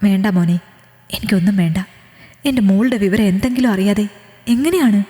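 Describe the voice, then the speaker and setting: A sorrowful older father speaks gently and quietly, as a woman voices him. Her tone stays warm and mellow. A roomy echo with a long reverb surrounds the voice. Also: medium pitch, fairly quick, close to an everyday voice. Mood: grieving. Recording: echoey room with long reverb.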